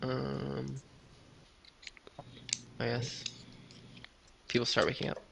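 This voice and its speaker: Gravelly guy dm, rambly and casual, noisy recording. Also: mid-range voice, flat delivery, slow pace. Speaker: game master. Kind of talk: narrating a tabletop game. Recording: clear background noise.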